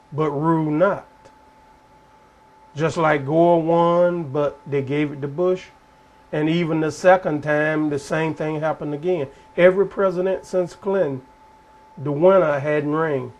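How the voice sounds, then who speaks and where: A man explaining prophecy in a casual, sermon-like way. He is earnest and deliberate and keeps repeating phrases. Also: a little high, rough recording. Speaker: prophecy teacher.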